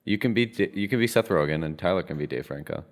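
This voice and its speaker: Young man, very deep voice, brash teasing co-host, casual comedy banter, echoey room. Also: lively intonation, fast. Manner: brash, mock-aggressive teasing. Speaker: podcast co-host. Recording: echoey room with long reverb.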